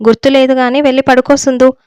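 A woman's voice: high-pitched, flat delivery, fast talker, a little mellow, clear, resonant tone, dry recording, lightly acted. Woman voicing an earnest dreamy husband. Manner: earnest, stubbornly serious. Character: middle-aged husband, dreamy would-be writer, earnest. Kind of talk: audiobook storytelling.

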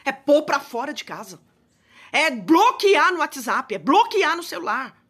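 High bright-voiced woman preaching fervently. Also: sing-song, unhurried. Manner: fervent preaching, direct address to listeners; rising to shouted prayer. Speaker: missionary preacher. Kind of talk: sermon.

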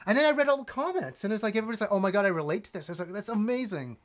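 Reading donations on a live stream, a gaming channel host in his forties speaks with lively enthusiasm, racing along in a high voice with rambling restarts. Originally from Yorkshire, England, he was raised in Canada, and game shelves line his room.

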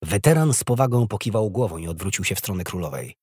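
Husky, low-voiced male audiobook narrator. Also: lively intonation, quick pace, a little mellow, dry recording, studio quality. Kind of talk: scripted narration.

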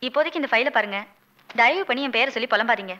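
Brief: outspoken young employee, high bright voice, quick delivery. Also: female voice, lo-fi sound. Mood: complaining. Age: young adult. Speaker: office employee. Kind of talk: comic film dialogue.

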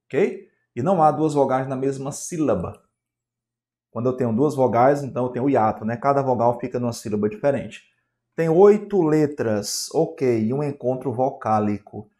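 Brazilian man, exam-prep teacher, warm mellow tone, lecturing, frequent tag questions. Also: medium pitch. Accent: Brazilian Portuguese. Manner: asks questions in a student's voice and answers them himself, with frequent tag questions. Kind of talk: classroom grammar lecture.

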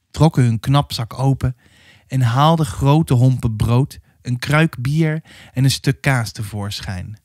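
A man reading a historical novel aloud with steady, dramatic storytelling. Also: medium pitch, no room sound, studio quality. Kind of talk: audiobook narration.

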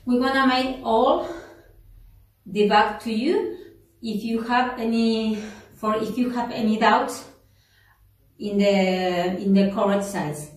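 A woman's voice: fairly high pitch, fairly even intonation, slow, long pauses. A woman teaching a dance class, counting steps and giving cues in a room with no mirror. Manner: counts steps aloud and switches between Spanish and English. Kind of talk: online dance class instruction. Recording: roomy echo, mic far off.

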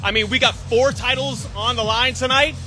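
A very high-pitched man with a forceful, bright voice talks in an excited, projected way as a guest in an event interview. Faint music plays behind him. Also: normal speed. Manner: upbeat, projected, hyped. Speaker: ring announcer being interviewed. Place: large event hall by a fight cage stage, indoors. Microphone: handheld interview mic held to him.

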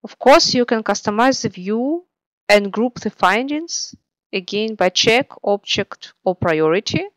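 Woman, screencast narrator, even instructional read, dry close mic. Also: fairly high pitch, measured pace, dry recording, poor audio. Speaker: software tutorial presenter.

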